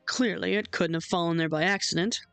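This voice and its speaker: A woman voicing an earnest young male defense lawyer who reasons through the case calmly. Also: on the low side, fairly quick, smooth, no room sound, soft background music. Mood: determined.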